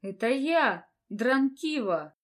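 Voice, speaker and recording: A woman voicing a grieving young woman who cries out in loud pleas. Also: sits high, lively intonation, slow. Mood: desperate.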